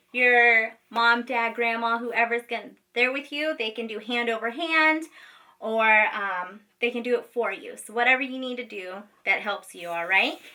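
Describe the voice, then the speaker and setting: Slightly high, bright and forceful, the voice belongs to a special education teacher guiding children through a craft in steps. Her approach is patient and casual, and she checks in often. The microphone is far from her.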